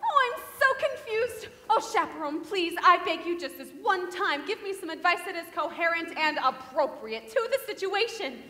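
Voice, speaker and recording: A woman's voice: extremely high pitch, very animated, normal speed, few pauses, pushed and bright, full character voice. A woman playing a gushing showgirl bride. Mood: pleading. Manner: gushing, theatrical. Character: glamorous dramatic young showgirl bride. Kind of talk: live stage musical acting. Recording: reverberant theatre hall.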